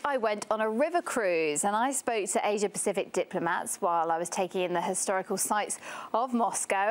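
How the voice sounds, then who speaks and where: A woman with a British accent presenting business news in a brisk, chatty, upbeat way. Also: mid-range voice. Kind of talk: news presenting with light banter. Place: on a boat outdoors for part.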